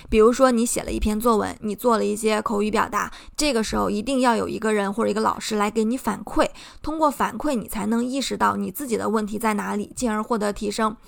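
Young woman host with a gravelly voice. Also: medium pitch, steady tone, fast talker, hardly any pauses. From China. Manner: earnest, encouraging, explains step by step. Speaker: podcast host. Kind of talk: casual advice talk.

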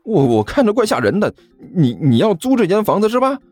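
Brief: a man playing a wheedling landlord, raised lively voice, dry close sound. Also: sits high, fairly quick, breathy edge, no echo, soft background music, pitched above the performer's own voice, full character voice. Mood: wheedling, wary. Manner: chatty, persuasive, nervous stammer. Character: middle-aged male landlord, wheedling and nervous.

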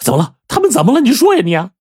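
A male storyteller voicing a frightened peasant man, who stammers and wails in a high, strained voice. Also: wildly swooping pitch, rapid-fire, a little mellow, husky, dry recording, studio quality, full character voice. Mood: distraught. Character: terrified, whining peasant man pleading for his life. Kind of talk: storyteller's acted dialogue.

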